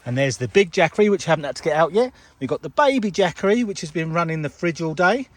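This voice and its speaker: A man's voice: fairly high pitch, animated, fast talker, no echo. Jokey British man giving a tent tour. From United Kingdom. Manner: jokey, chatty, laughs often. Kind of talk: casual chatty vlog. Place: inside a large tent at a campsite.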